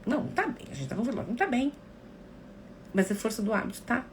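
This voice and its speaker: A woman psychologist talking to viewers on a live stream, expressive and acting out the remarks people make. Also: a little high, fast, slight background noise. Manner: expressive, acts out quoted remarks.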